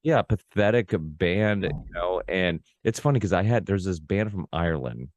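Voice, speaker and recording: Hosting a laid-back podcast, a Portuguese-born native speaker of about forty rambles through many restarts and repeated "you know, like" fillers. His low-pitched voice is expressive, moving at normal speed, and there's no echo.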